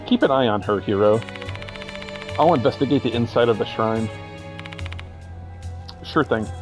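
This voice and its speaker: A man's voice: mid-range voice, measured pace, over music. A young man casually playing a horror game, reading its text aloud and joking with slang between lines. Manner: casual, joking, says "dude" and "bro". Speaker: gameplay streamer.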